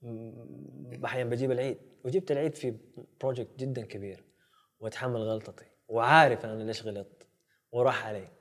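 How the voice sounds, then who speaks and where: A man talks as a podcast guest, speaking fast. His tone is earnest, and he drops English words into casual chat. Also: medium pitch, fairly even intonation.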